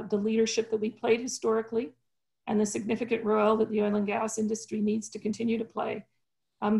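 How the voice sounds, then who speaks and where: A woman in her sixties, speaking on a panel over a video call from a home office, measured and earnest with many fillers. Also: mid-range voice, vocal fry, a little mellow. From Canada.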